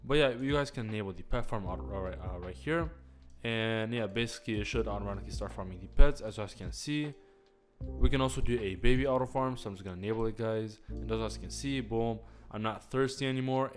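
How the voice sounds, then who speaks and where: A young man hosting a casual screen-recorded game tutorial, upbeat and quick, saying "guys" all the time. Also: on the low side. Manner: upbeat, fast, says "guys" constantly. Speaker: channel host.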